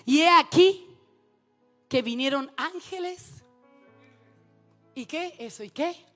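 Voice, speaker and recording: Woman preacher, very high, bright voice, slow deliberate sermon delivery, swings from hushes to shouts. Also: soft background music. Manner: addresses the congregation directly, calls for responses.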